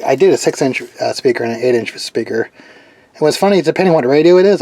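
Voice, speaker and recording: A man with a mid-range, slightly mellow voice talks casually about his DIY radio project, rambling and thinking aloud as a hobbyist showing off his own work. The recording has clearly noisy background sound.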